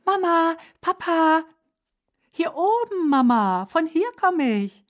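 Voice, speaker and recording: A woman voicing a small, timid young male rabbit in a storybook, calling out high and excited. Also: normal speed, natural voice.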